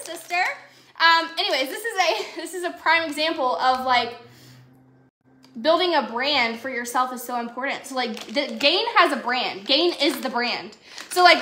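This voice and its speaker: The live grocery haul comes from a young woman's home kitchen, which is echoey with faint background noise, captured by a phone camera at arm's length. She chats to viewers in a giggly, rambling manner, her high voice pushed and bright.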